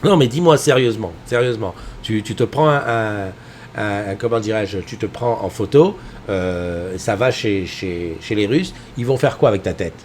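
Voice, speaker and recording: Rambling, animated middle-aged man. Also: fairly low pitch, normal speed, a little hiss or hum. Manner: animated and rambling, full of restarts and fillers, addresses viewers by name. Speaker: host of a live morning show. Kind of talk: casual live-stream chat. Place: indoors at home, with a TV behind him.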